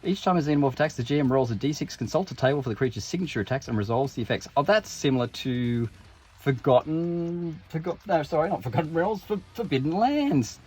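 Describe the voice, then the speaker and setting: Fast and animated, this unboxing host for tabletop games talks in a high-leaning voice that's a little mellow with a breathy edge. His commentary stays loose and informal, riddled with jokes on the side and moments where he cuts himself off.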